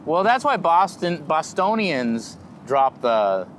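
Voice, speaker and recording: A young man hosting a casual comedy talk show, rambling with deadpan jokes. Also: a little high, slow pace, a little hiss or hum.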